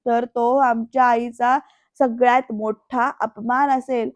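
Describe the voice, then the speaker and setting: A woman's voice: on the high side, little pitch movement, slow, no room sound. A woman voicing an angry young man who confronts his father with a raised voice, on a dull lo-fi recording. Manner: shouting, raised voice. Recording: dull lo-fi dry voice-over.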